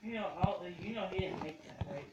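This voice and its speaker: A woman's voice: medium pitch, brisk, highs cut off. A woman chatting while playing a game, teasing and swearing. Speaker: co-player. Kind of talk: casual gaming chat. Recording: echoey room with loud noise.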